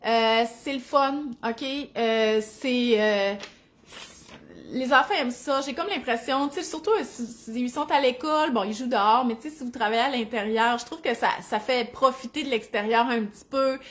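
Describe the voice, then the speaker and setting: A woman in her thirties with a Saguenay Quebec French accent, chatting casually to viewers, laughing easily and filling pauses. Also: on the high side. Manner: chatty, warm-hearted, laughs easily, many fillers. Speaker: family lifestyle vlogger.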